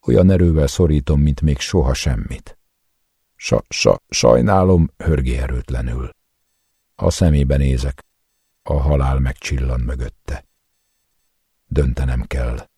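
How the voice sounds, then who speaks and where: A man's voice: a bass voice, fairly even intonation, long pauses, mellow, husky, no room sound, studio quality. A man reading a first-person novel aloud as an audiobook narrator, with an intense, dramatic delivery.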